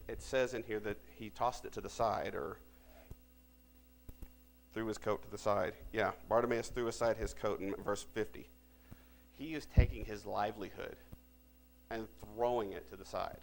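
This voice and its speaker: A male pastor with a low, gravelly voice gives a sermon in a church. He talks in an easy, conversational way and often restarts his sentences. A faint hiss sits under the recording. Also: low-quality recording. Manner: conversational, self-correcting preaching.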